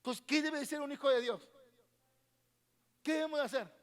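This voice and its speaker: Male pastor, Mexican Spanish accent, high-pitched, sermon with many rhetorical "¿verdad?", echoing hall. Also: normal speed. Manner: questioning the congregation, repeats words, frequent "¿verdad?". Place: church hall.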